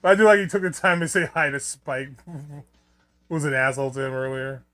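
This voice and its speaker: A man's voice: on the high side, steady tone, fairly quick, fairly bright tone. A man giving casual, rambling and joking film commentary, with some swearing. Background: film soundtrack music.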